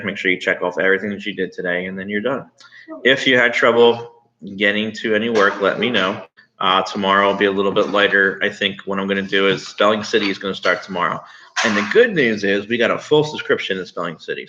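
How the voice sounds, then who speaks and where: Speaking quickly in a fairly low, even voice that comes across pushed and bright, a teacher reads aloud and explains assignments to his third-grade pupils online. The talk is casual and conversational, and the lo-fi recording is dull.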